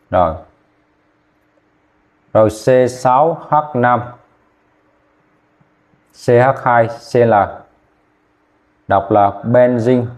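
Slow, low-voiced male chemistry teacher. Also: darkish tone. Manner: slow, repetitive, checking in with "ok chưa?". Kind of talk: classroom lesson, dictating formulas.

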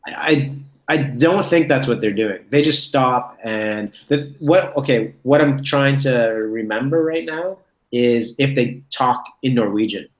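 A man's voice: medium pitch, measured pace, echoey room, low-quality recording. A man in his thirties hosting a casual video-call chat from a room at home. He rambles and corrects himself as he tells stories. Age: 30s. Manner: rambling, self-correcting storyteller. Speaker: host. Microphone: webcam on a video call.

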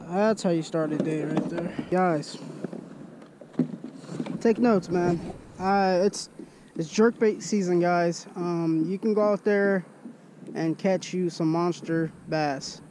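A man's voice: high voice, takes it slowly, long pauses, background noise. A young man fishing from a kayak on a lake, chatting casually to his viewers and calling them guys. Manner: hyped, talks to viewers as guys. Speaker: fishing vlogger. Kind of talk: casual chat to camera. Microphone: action camera.

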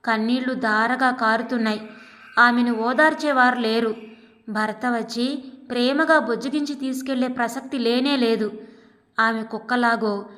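A woman narrating an audiobook story in a steady, expressive reading voice. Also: a little high, normal speed. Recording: long hall reverb.

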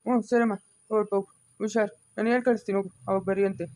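Woman as a sorrowful old village brother, rural Karnataka accent, monotone and mellow, fast. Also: mid-range voice, lightly acted. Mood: resigned. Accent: rural Karnataka Kannada. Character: elderly village brother, weary and tearful. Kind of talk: village family skit acting.

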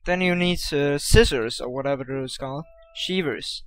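A man's voice: fairly high pitch, moderate pace. Chatty young man in gaming commentary. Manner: chatty, hesitant with fillers, bursts into excited shouts. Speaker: gameplay commentator.

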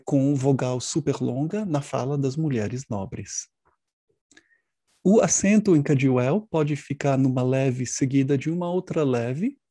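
Male researcher presenting at a conference, slow and gravelly, dry close sound, measured and explanatory. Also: mid-range voice, mellow, no room sound. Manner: measured, explanatory, frequent hesitation fillers.

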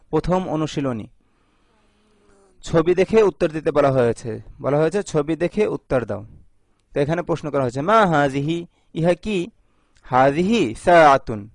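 A man gives a grammar lesson in a slightly higher voice, saying each phrase slowly, repeating it, then explaining. The sound is dry and close, with no room around it. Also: a little mellow, no echo. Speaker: Arabic teacher.

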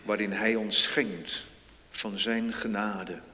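A male pastor preaching a sermon in a church, slow and deliberate, with sudden emphatic rises in pitch and volume. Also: fairly even intonation, sharp tone. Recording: long church reverb, faint noise.

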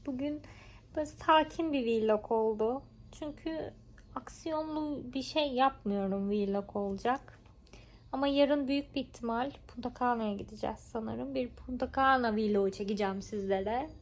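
A woman's voice: on the high side, moderate pace. A woman talking casually in a home vlog, chatty and rambling with informal asides. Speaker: vlogger. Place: at home, indoors.

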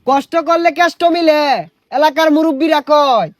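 A man with a playing a young fellow making quick pleading retorts in a comedy sketch. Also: very high-pitched, steady tone, no room sound, clean studio sound. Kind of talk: rustic comedy sketch in dialect.

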